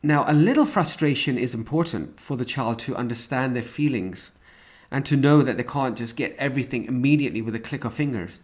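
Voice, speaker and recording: A man's voice: medium pitch, brisk, a little mellow. Man teaching a parenting lesson. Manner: explanatory, with frequent restarts and fillers; walks through examples and stages step by step. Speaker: parenting course instructor. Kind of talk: recorded course lecture.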